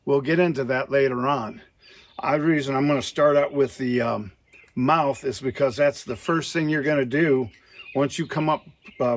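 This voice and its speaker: A man with a mid-pitched voice gives an informal instructional talk. He explains each step in a folksy, plainspoken way, as a hands-on instructor demonstrating technique. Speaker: duck calling instructor.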